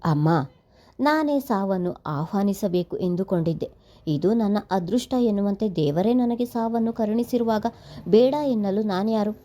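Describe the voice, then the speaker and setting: A woman voicing a gravely ill young man who speaks with sorrowful resignation in a storybook reading. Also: medium pitch, normal speed, mellow, close to an everyday voice. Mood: resigned.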